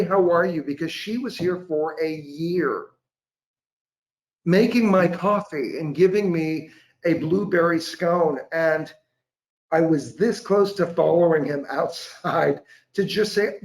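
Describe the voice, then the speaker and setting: An impassioned man in his forties speaking as an interview guest over a video call, his voice sitting slightly high for a man. He tells his story with animated feeling. The home room around him rings with a noticeable echo. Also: measured pace. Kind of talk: casual interview chat. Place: home room with large windows. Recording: echoey room.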